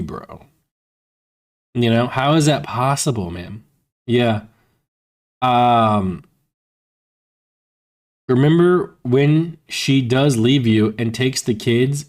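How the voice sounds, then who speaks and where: Man, thirties, livestreamer, casual chat, rambling, filler-heavy. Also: medium pitch. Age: 30s. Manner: rambling, fills talk with "man" and "you know".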